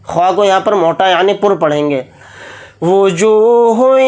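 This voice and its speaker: A man teaching a tajweed lesson, explaining each rule briskly step by step. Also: high-pitched. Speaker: Quran recitation teacher.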